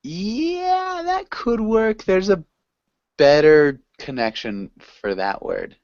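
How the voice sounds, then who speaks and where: A man's voice: high voice, very animated, takes it slowly, darkish tone, clean tone, no echo. A man teaching an online English class, patient and encouraging. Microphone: video call. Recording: dull video call audio.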